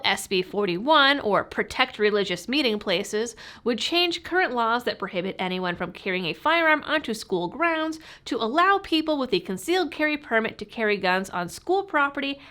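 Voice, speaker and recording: A woman's voice: on the high side, pushed and bright. A woman with a cold, her voice stuffy and muffled as if talking through a fishbowl, hosting a political commentary channel with sarcastic, pointed delivery.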